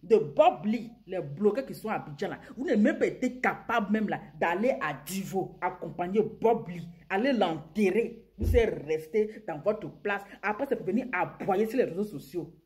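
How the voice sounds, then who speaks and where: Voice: medium pitch, animated, moderate pace, hardly any pauses, darkish tone. A commentator, scolding listeners in an impassioned vlog rant and often stammering over repeated words. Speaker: social media commentator.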